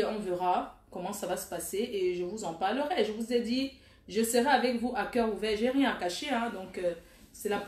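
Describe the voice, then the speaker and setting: A woman's voice: medium pitch, a little mellow. A woman hosting a casual live stream, chatting with viewers in a blunt, teasing way. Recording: echoey room.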